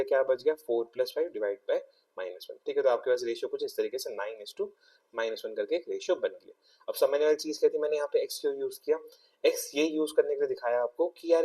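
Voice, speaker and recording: A man's voice: medium pitch, mellow. Indian man teaching maths, slightly distant. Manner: explains step by step, often checks in with "ठीक है". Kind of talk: exam-prep lecture.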